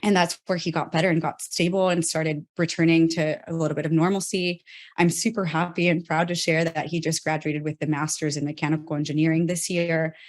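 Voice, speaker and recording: A woman from South Texas, a company co-founder, telling her personal story in an interview, earnest and pausing as she restarts on hard memories. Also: low-pitched, flat delivery. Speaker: healthtech company co-founder, guest.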